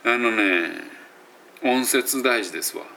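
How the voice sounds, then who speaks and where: A man's voice: mid-range voice, slow, pushed and bright, slight background noise. A man with a Kansai Japanese accent, teaching English pronunciation in a casual audio blog, rambling and correcting himself as he sounds out example words.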